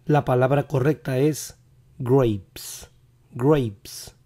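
A male teacher with a dark, mellow voice hosts a vocabulary quiz lesson. He talks very slowly and repeats each English word with care. His voice still sounds a little worn, as if not fully recovered. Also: mid-range voice.

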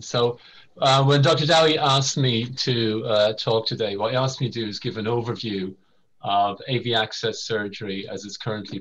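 A middle-aged vascular surgeon from Ireland gives a semi-formal medical lecture over a video call, speaking with an Irish accent. His voice sits on the low side and sounds a bit bright. The audio is dull and lo-fi, typical of a video call.

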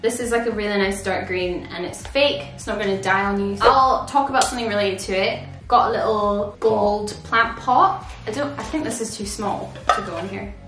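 In her living room, a woman in her twenties vlogs a casual shopping haul, chatting in a bubbly, giggly way. Her mid-range voice keeps a moderate pace with few pauses. The sound is reverberant and plays over music.

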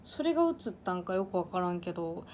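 A woman's voice: fairly low pitch, very animated, fast talker, darkish tone, slight background noise. Chatty young woman with Iyo dialect. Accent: Iyo dialect of Ehime, Japan. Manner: chatty, laughs often, stumbles and restarts words. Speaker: idol livestreamer. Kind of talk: casual livestream chat reading comments.

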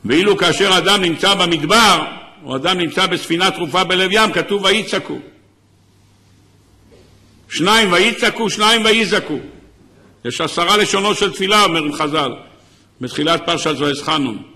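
A man's voice: high-pitched, pushed and bright. A man, a rabbi, giving an impassioned sermon, sometimes crying out. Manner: impassioned preaching, crying out in places.

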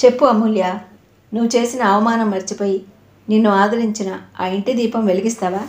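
A woman's voice: mid-range voice, fairly even intonation, fairly quick, darkish tone, close to an everyday voice. A woman voicing a middle-aged aunt who speaks in an affectionate, coaxing way. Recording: roomy echo.

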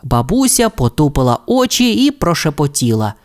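A man narrating a children's storybook aloud. His pitch rises and falls in lively arcs. He speaks in a friendly way, as if to a child listener. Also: moderate pace. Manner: expressive, friendly address to the child.

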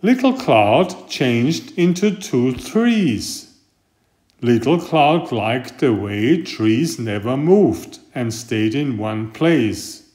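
In a medium-pitched voice, a male author and storybook reader performs a children's picture book with careful, expressive delivery.

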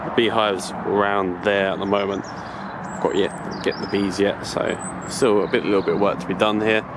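A man with a lowish voice speaks at a moderate pace as he films his own allotment outdoors on a handheld camera. He's an allotment vlogger giving a casual walking tour, chatty and rambling and correcting himself as he goes. The camera mic catches steady background noise.

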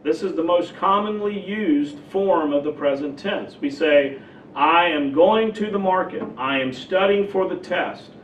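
A man with a high voice preaches a teaching sermon, working through each example slowly and deliberately. He was recorded from a distance in an echoey church hall, so the sound is dull and faintly noisy. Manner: slow, deliberate explaining with spoken examples. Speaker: pastor. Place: church sanctuary.

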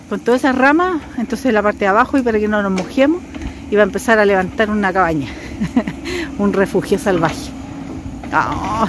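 A woman vlogging outdoors in a forest, chatting excitedly and addressing her viewers directly. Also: medium pitch. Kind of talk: outdoor vlog to camera. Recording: noisy outdoor camera audio.

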